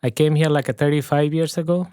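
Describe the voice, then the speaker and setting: A man's voice: on the high side, fairly even intonation, fast talker, dark tone, smooth, no echo, clean studio sound. A middle-aged man from Bangladesh, a plumber and investor, telling his story in earnest broken English as a podcast guest. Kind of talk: casual interview chat.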